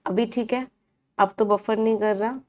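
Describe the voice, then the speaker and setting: A woman's voice: on the high side, fairly even intonation, moderate pace, a little mellow. A woman teaching English vocabulary in a live online class, asking the class questions, answering them herself and repeating each meaning.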